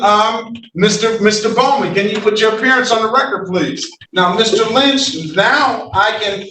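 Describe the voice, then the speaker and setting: A woman's voice: mid-range voice, fairly bright tone. Lady judge, blunt n repeats stuff for emphasis, kinda far from the mic, echoey courtroom. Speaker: judge presiding over a hearing. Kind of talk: informal courtroom exchange. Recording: echoey, noisy courtroom audio from afar.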